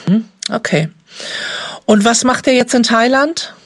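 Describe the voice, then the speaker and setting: A woman's voice: fairly high pitch, unhurried, dry recording, clean studio sound. Woman interviewer with a friendly manner. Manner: friendly, casual questioning. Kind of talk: podcast interview.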